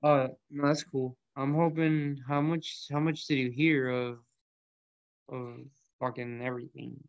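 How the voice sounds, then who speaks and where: Unhurried and steady, this young man from Colombia has a clear, resonant mid-range voice captured in lo-fi sound with no room sound. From a small indoor room, he hosts an online audio room and talks casually about food and math, using easygoing, profane slang sprinkled with "bro" and "yo."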